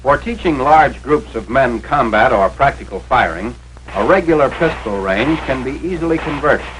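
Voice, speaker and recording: Expressive and moderately paced, a mid-pitched American man with a somewhat bright voice narrates as if in a 1940s military training film. His tone is authoritative and instructional, the phrasing clipped and formal. The vintage soundtrack has poor audio with light noise.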